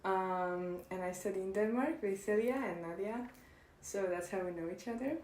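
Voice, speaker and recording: A woman's voice: mid-range voice, normal speed, a little mellow. Giggly young woman, roomy bedroom. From Hungary. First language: Hungarian. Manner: giggly, hesitant with many ums. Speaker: podcast guest. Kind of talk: casual chat. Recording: roomy bedroom, faint background noise.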